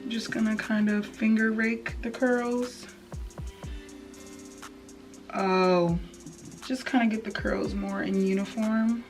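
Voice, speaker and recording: A young adult woman with a fairly high voice speaks slowly, with fairly even intonation and long pauses, chatting playfully in slang like a beauty vlogger doing a hair tutorial. She's in an indoor room before a plain wall, recorded from a slightly distant mic with faint music.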